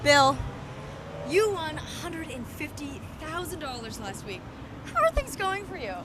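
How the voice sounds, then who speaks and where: A woman with a very high voice presents and interviews for television. Her pitch swings in a lively way, her delivery is upbeat, and traffic noise is clear behind her. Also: measured pace. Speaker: TV bingo show co-host and interviewer. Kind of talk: on-location TV interviewing.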